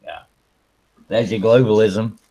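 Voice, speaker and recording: A man's voice: on the low side, fairly even intonation, unhurried, warm tone, soft background music. A man from the UK chatting casually over an online voice call while his connection breaks up, so his audio turns choppy and cuts off the ends of his words. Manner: loose, rambling talk full of "you know". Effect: connection breaking up, choppy audio with cut off word endings.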